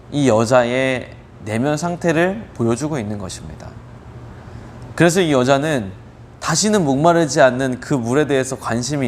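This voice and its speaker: A man's voice: mid-range voice, a little hiss or hum. A man, a youth ministry pastor, giving a conversational sermon with rhetorical questions and frequent fillers as he retells a Bible story.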